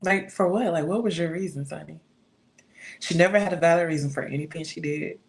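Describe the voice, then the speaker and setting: A woman author being interviewed over a video call, talking in an expressive, storytelling way and laughing often. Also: fairly low pitch, brisk. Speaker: author guest. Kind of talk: casual interview chat.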